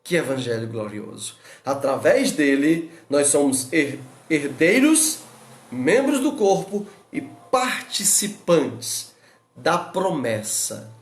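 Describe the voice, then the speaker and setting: A man's voice: on the high side, big pitch swings, slow pace, roomy sound. A man with a Brazilian Portuguese accent, a pastor giving an earnest expository Bible study, asking rhetorical questions and repeating his exhortations.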